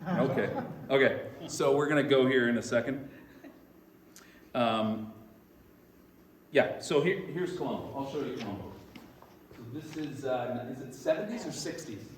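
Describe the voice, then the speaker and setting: A man leads a church class in an energetic, conversational way, often restarting his sentences as he goes. The room adds a noticeable echo, and there is a faint hum of noise behind him. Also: mid-range voice, moderate pace, long pauses. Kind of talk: informal classroom teaching.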